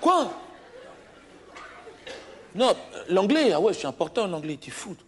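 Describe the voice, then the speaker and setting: A man's voice: high voice, sing-song, takes it slowly, slight background noise, exaggerated voice. A man playing a brash young candidate at an oral English exam, argumentative and stammering, on a live comedy stage. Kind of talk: stand-up character sketch. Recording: live stage show, loud laughing crowd. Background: audience laughter.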